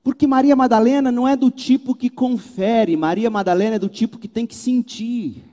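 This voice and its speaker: A man preaching from a church pulpit, animated, with rhetorical questions and wry asides. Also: extremely high pitch, moderate pace, in a large hall. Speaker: pastor. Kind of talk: sermon.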